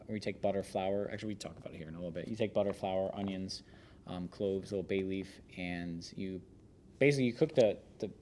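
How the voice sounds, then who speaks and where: A podcast host with a low-pitched voice talks fast, first reading a memoir aloud and then chatting casually. He is relaxed and rambling, with frequent fillers and restarts, and the recording has a little hiss or hum.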